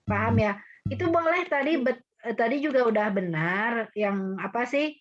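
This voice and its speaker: A woman's voice: a little high, expressive, normal speed, dull audio. A woman teacher, leading an online class and coaxing her students with repeated questions.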